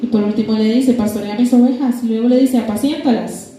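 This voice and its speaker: A woman delivers a sermon in a warm, mellow, fairly high voice. She preaches with fervor and acts out the lines of biblical figures. The church hall rings with a heavy echo over soft music. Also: fairly even intonation, brisk. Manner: impassioned, acts out dialogue between biblical figures.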